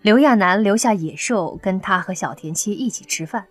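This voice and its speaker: A woman reading an audiobook novel as narrator, in an animated storytelling way. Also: medium pitch, normal speed, faint music behind. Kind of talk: scripted narration.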